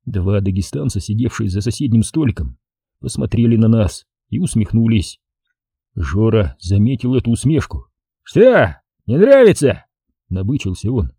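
Gravelly, husky male audiobook narrator. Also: on the low side, expressive, moderate pace, mellow, no echo, studio quality. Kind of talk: first-person audiobook narration.

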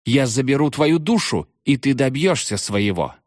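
A man's voice: medium pitch, lively intonation, normal speed, dry recording, studio quality, pitched above the performer's own voice, close to an everyday voice. A man reading an audiobook voices a capricious young witch girl with a whiny, drawling, cackling manner. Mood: capricious, taunting.

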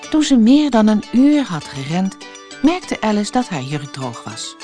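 A woman from the Netherlands reading a children's storybook aloud with lively, expressive narration over soft music. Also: medium pitch, a little slow.

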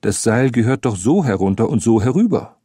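A man's voice: medium pitch, sing-song, fairly quick, dark tone, husky, no echo, studio quality. A man reading a wry, unflappable detective. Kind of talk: audiobook character reading.

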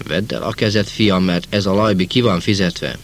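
A man's voice: sits low, a little hiss or hum. A man reading the lines of a stubborn, proud old peasant farmer in an audiobook, plainspoken and defiant.

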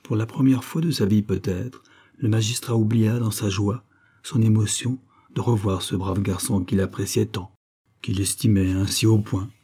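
Male audiobook narrator, low and husky, measured, expressive. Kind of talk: scripted narration.

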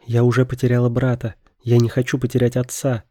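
A man voicing a desperate young woman who pleads urgently, a little higher and louder than his narration. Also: completely flat delivery, a little fast, natural voice. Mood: pleading.

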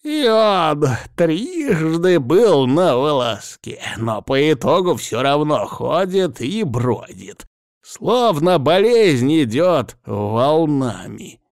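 Man voicing a bitter old healer, strained high yelling with a gravelly edge, very slow and dry, curt. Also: big pitch swings, dry recording, exaggerated voice. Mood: grumbling. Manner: shouting, strained and drawn-out. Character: irritable old male healer, furious and bitter.

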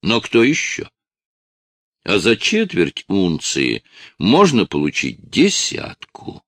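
A man voicing a rough male police detective who speaks curtly and mockingly. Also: lowish voice, wildly swooping pitch, slow, a bit bright, no room sound, studio quality, voice pushed up, heavily acted. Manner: curt, mocking.

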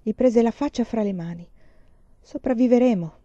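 A woman reading a novel aloud in a calm, measured storytelling voice. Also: medium pitch, no echo, highs cut off. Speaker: reader. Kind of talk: storybook narration.

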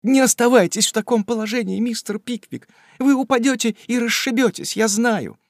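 A man's voice: very high voice, moderate pace, dry recording, clean studio sound, voice pushed up. A man doing a tearful, pleading young lady. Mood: frightened.

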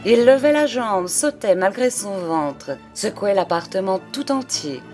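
A woman reading a classic short story aloud as an audiobook, with measured, deliberate narration. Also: medium pitch, lively intonation, music in the background. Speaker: audiobook reader.

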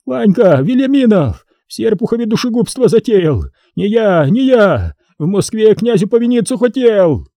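A man voicing an old male merchant who is a cowardly prisoner, wailing and pleading in a high, strained voice. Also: very animated, moderate pace, dark tone, dry recording, exaggerated voice.

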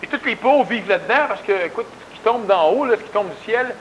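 A man with a Québécois accent, lecturing on spiritual matters, talks fast in a high-pitched, animated, slightly bright voice. His conversational delivery is folksy and emphatic, with frequent repetition for stress. The audio sounds dull, with slight background noise.

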